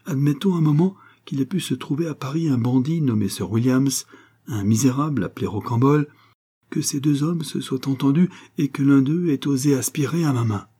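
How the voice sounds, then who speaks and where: A man's voice: mid-range voice, brisk, mellow, slightly rough, voice pushed up, lightly acted. A man reading an audiobook, voicing a proud, haughty young aristocratic woman who speaks in indignant outbursts.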